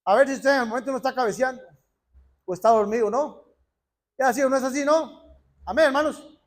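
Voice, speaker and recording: A man preaching in church with a strikingly high voice. He hammers key words again and again with fervent repetition and slows right down when he reads scripture aloud. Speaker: lay preacher. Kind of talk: sermon.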